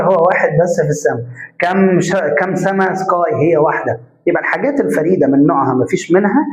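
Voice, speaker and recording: A man with an Egyptian Arabic accent teaching a grammar lesson step by step, putting questions to the class and answering them himself, and stretching out example sounds. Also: high voice. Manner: drawn-out spoken examples. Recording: echoey room, dull lo-fi sound.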